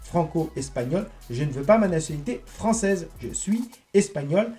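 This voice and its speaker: A man giving a rambling, indignant monologue to his viewers, halting and restarting as he goes. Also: a little high, lively intonation, dark tone, faint music behind. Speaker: online political commentator.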